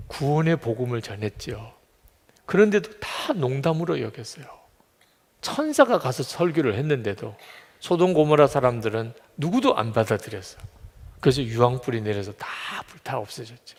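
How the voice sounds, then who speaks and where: A male pastor preaching a sermon, telling stories with animated swings between loud emphasis and hushed asides. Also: mid-range voice. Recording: long reverb of a large hall.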